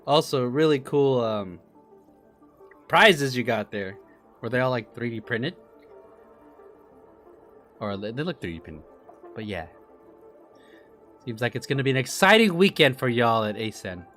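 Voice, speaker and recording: A man streaming a game and chatting casually with his viewers. His pitch moves in a lively, expressive way as he talks, quick to react. Faint game music runs beneath his voice. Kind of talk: casual live-stream chat.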